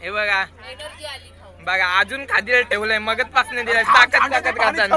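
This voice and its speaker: A man's voice: sits high, fairly even intonation, normal speed, bright, forceful tone. A young man narrating a casual vlog, chatty and pointing things out to his viewers. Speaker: vlogger. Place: inside a moving bus. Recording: phone recording in a noisy, crowded bus. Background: chattering passengers on the bus.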